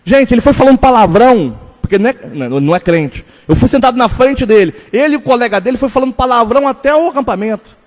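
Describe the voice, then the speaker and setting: A man preaching a sermon as a pastor, telling a personal story earnestly and slowing down to stress key points. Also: very high-pitched, expressive, big-room sound. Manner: earnest storytelling, slows for emphasis.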